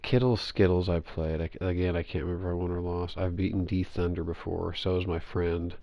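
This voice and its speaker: A man with a very low, gravelly voice talks loosely over a gaming headset, rambling, cursing and circling back on his sentences. The audio is dull and lo-fi. It is also dry, with no room sound around it. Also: little pitch movement, fairly quick, no room sound. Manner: rambling, profane, with frequent restarts. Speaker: online gamer chatting while playing. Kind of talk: casual gaming chat.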